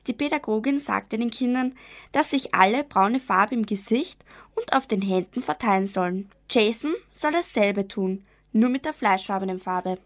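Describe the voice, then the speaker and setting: A young woman reading a children's story aloud for radio in a calm, measured way. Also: mid-range voice. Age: young adult. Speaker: narrator.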